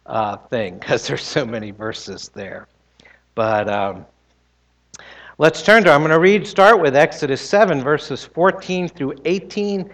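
A man speaking as a pastor in a church sermon, informal and lightly wry as he addresses the congregation and reads scripture. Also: mid-range voice.

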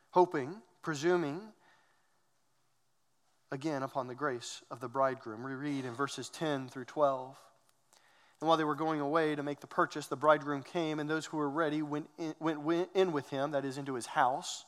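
A man's voice: a little high, long reverb tail. A man preaching a sermon, earnest and emphatic, asking rhetorical questions. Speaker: pastor.

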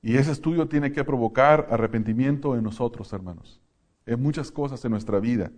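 A man preaching a sermon in a church, earnest, moving from quiet asides to loud, emphatic outbursts. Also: mid-range voice, fairly quick.

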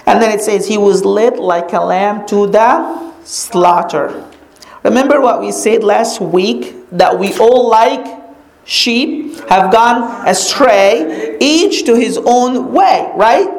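A native Arabic speaker, this woman teaches from a Bible passage in sermon form, repeating important phrases slowly and dramatically for emphasis. The room echoes around her mid-range, darkish voice.

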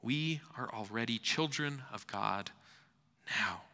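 A man preaching a sermon in an earnest, rhetorical manner, with deliberate pauses and repeated phrases for emphasis. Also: medium pitch, sharp tone. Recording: reverberant hall.

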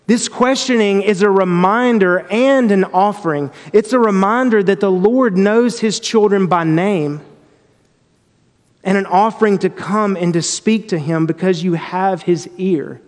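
Earnest high-voiced man teaching in reverb. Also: unhurried. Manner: earnest and reflective, with frequent restarts. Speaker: Bible teacher. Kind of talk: devotional Bible teaching.

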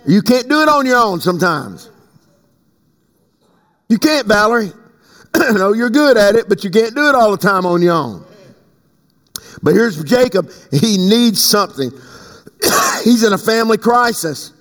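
High-voiced fervent male preacher in a reverberant hall. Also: very animated, measured pace, pauses often. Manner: fervent preaching that swings from booming shouts to hushed asides. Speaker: pastor. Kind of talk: sermon.

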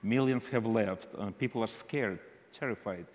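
Man, low voice, Eastern European accent, halting storytelling testimony, long hall reverb. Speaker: visiting minister speaking to a congregation. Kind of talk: church testimony with stories. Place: large indoor church hall.

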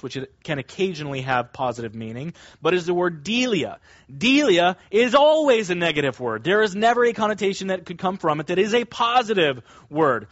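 Male preacher, high voice, emphatic expository teaching, close dry sound. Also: fairly bright tone, dry recording, muffled recording. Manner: emphatic, deliberate, with stressed key words. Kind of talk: expository sermon, teaching verse by verse.

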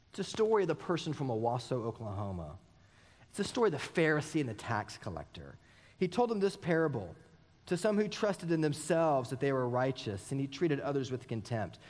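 In a church sanctuary, a man in his thirties preaches a sermon as pastor, speaking in an earnest, personal way and posing many rhetorical questions. His voice is medium-pitched with a somewhat dark tone, and the recording carries the long reverb of a church hall.

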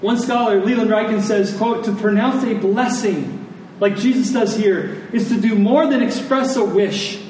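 A man preaches a sermon in a high, slightly mellow voice at normal speed, earnest and emphatic, repeating phrases for weight before closing in prayer. The church service takes place in a large echoing room, and the recording is distant and echoey with faint noise.

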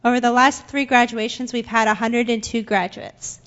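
A woman's voice: fairly high pitch, steady tone, moderate pace, fairly bright tone, muffled recording. A young woman interpreting into English for a guest in a church, slightly hesitant with fillers. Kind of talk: consecutive interpreting. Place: church sanctuary.

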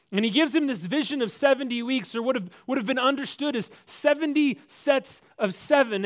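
A man preaching a sermon in a conversational way, posing rhetorical questions and often restarting his words. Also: extremely high pitch. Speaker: pastor.

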